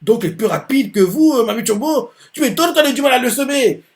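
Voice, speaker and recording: A man's voice: very high voice, animated, a little fast, pitched above the performer's own voice. A man voicing a startled, incredulous young man who reads out alarmed exclamations in a raised voice.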